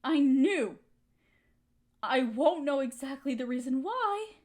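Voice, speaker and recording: Slow and a little mellow, yet high-voiced with lively intonation, a woman performs an audio roleplay monologue as a hurt young woman accusing her roommate. The delivery is emotional and resentful, packed with pointed rhetorical questions.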